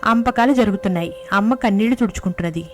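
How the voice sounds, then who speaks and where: A woman reading a story aloud in a gentle, expressive way, voicing the characters. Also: mid-range voice, rapid-fire. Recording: music playing behind the voice.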